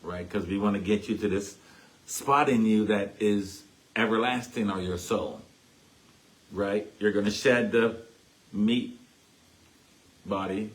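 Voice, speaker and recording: Speaking slowly with frequent pauses, a man with a lowish voice and a Caribbean accent teaches casually at a spiritualist church. He's conversational and keeps checking in with "right?", and the recording quality is low.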